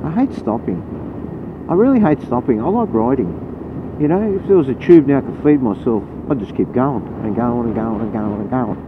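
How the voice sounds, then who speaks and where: This Australian rider narrates his motorcycle trip in a laid-back, rambling, frank way, with a mid-range voice, lively intonation and a moderate pace. The helmet audio is muffled and narrow-band, swamped by loud road, wind and engine noise.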